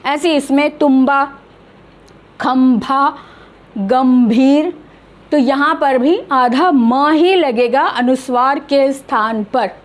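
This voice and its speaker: A high-pitched woman who speaks slowly while teaching a grammar lesson online. She is middle-aged and patient, and she stretches out each example word so it can be heard clearly. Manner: slow, patient, drawing out example words.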